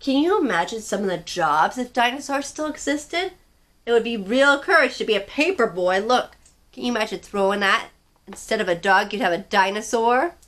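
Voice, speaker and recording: A woman's voice: fairly high pitch, lively intonation, normal speed, fairly bright tone. A young woman hosting a children's story time, guiding a child through movements and reading a picture book aloud in a sing-song, encouraging way. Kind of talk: leading a kids' movement activity and reading aloud.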